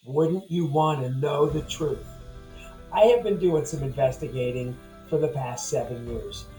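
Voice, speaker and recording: A man's voice: medium pitch, measured pace, dark tone, echoey room, soft background music, rough recording. A man in his fifties talking bluntly and ramblingly in a casual personal monologue to camera. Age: 50s. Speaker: vlogger.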